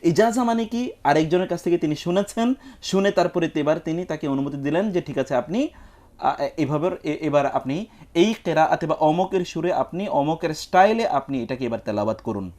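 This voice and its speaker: A man, an Islamic scholar, giving measured, teacherly answers on a live television question-and-answer show, weaving in Arabic quotations. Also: fairly high pitch, expressive, a little mellow. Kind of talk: explanatory religious talk. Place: television studio.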